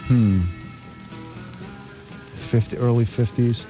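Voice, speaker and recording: A middle-aged American man works as a freeform radio DJ, telling stories in a wry, meandering and repetitive style while music plays in the studio. His mid-range voice is slow and fairly even, and the studio broadcast mic recording is rough.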